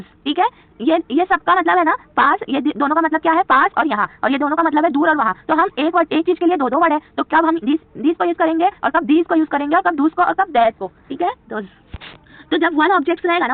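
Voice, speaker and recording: Woman teacher, Hindi accent, quick repetitive quizzing, high voice, dry tinny phone-like sound. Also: no room sound. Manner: repetitive quizzing, answers her own questions. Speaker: English teacher. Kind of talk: beginner spoken English lesson.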